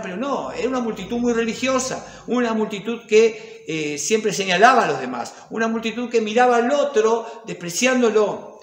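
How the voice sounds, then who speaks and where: A man with a Rioplatense Spanish accent preaches with drama and emphasis, stacking repeated phrases. His voice sits high and swings widely in pitch. The room around him is echoey. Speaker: pastor. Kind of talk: sermon.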